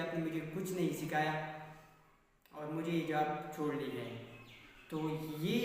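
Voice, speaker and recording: A man, earnestly explaining a book's lessons as a self-improvement vlogger, repeating and rephrasing his points. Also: fairly high pitch. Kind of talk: casual talking-head book summary. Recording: very echoey room, far from the mic, faint hiss.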